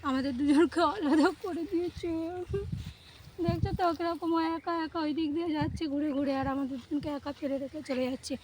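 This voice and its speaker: A woman's voice: high voice, steady tone, fairly quick, darkish tone, slight background noise. Young woman vlogging from a rice field. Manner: chatty, talks straight to viewers while working. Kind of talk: casual vlog narration. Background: faint rural outdoor ambience, birds.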